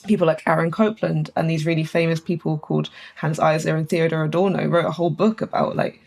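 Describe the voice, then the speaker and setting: A woman's voice: sits low, fairly even intonation, quick pace, creaky, darkish tone. A woman composer, a podcast guest, explaining her ideas in casual chat, thoughtful and enthusiastic with filler words.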